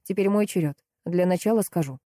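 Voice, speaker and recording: Brief: woman reading a blunt man giving orders, dark mellow tone, dry close sound. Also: on the low side, fairly quick, no echo, close to an everyday voice. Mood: explaining. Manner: curt, commanding. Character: brusque man, commanding and wry.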